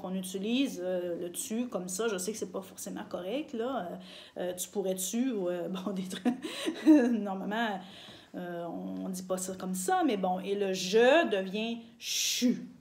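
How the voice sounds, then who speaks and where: A woman with a Québécois accent talks through a casual video lesson. She is chatty, fills her sentences with hesitations and laughs easily, in a mid-pitched voice. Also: dark tone. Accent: Québécois French. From Quebec. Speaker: language teacher on her channel.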